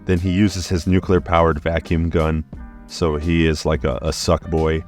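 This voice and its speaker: Young man, very low voice, dry jokey commentary, faint music underneath. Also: flat delivery, normal speed, darkish tone. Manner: dry joking delivery. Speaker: YouTube host. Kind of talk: comedic commentary vlog.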